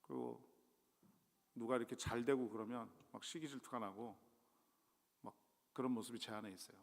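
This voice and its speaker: Gravelly-voiced preacher in a reverberant church. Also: male voice, mid-range voice, moderate pace. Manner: conversational, self-deprecating preaching with sudden loud rises. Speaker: guest pastor. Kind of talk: sermon. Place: church sanctuary. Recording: long church hall reverb.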